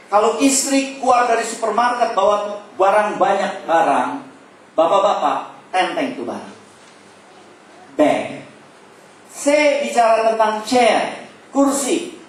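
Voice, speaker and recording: A man giving a humorous family sermon with lively, playful asides. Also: high voice. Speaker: speaker at church family service. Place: church hall. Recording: echoey hall from far off with faint noise.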